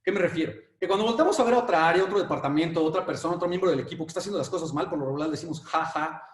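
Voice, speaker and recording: A man with a Mexican accent gives a lively conference talk and tells a fable along the way. He repeats words and fills pauses often. His fairly high voice echoes in a roomy space and is picked up from a distance. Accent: Mexican Spanish. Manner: animated, repeats words, many fillers. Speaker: conference speaker. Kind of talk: lecture with storytelling. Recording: echoey room, mic at a distance.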